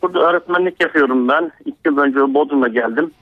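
A teacher in his forties phones in to a radio talk show, speaking earnestly over a landline phone. His voice sits slightly high and sounds thin, like a narrow phone line. There is no room echo at all. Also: quick pace. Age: 40s. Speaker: radio call-in listener, teacher. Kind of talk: casual call-in comment. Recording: tinny dry phone line.

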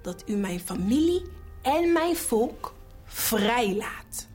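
A woman voicing a steadfast male shepherd prophet in a children's storybook, speaking slowly and solemnly. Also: on the high side, very animated, loud music behind the voice.

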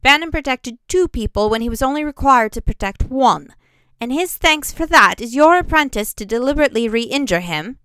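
A woman voicing a sharp-tongued, protective female mage master who snaps forcefully. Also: sits high, expressive, normal speed, clean tone, no room sound, pitched above the performer's own voice. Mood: snapping. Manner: snappish, forceful.

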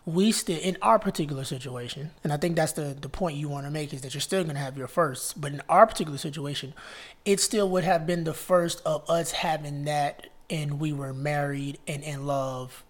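A man co-hosting a casual couple chat, quick to back up and agree with his partner. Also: fairly high pitch. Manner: supportive, quick to back her up. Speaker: co-host.

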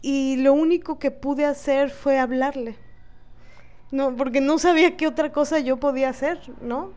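A woman with a Mexican accent telling a personal story in an earnest, halting, indignant way. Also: sits high, steady tone, darkish tone. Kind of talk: personal account.

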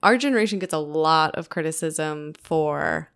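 A woman's voice: sits low, moderate pace, vocal fry, smooth. Chatty young woman hosting a podcast. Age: 20s. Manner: chatty and animated, with frequent "like" fillers. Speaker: podcast host. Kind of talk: casual conversational podcast.

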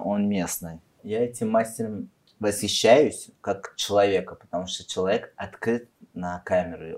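Low-voiced man with an Uzbek accent. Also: a little mellow. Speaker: podcast guest, beauty industry professional. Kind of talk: conversational interview answers.

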